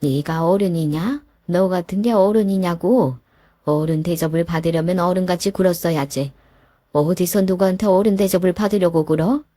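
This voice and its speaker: Story figure: a protective, mocking older mother read by a woman, low and dark in tone. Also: moderate pace, no echo, clean studio sound, lightly acted. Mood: scornful. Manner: scornful, cursing.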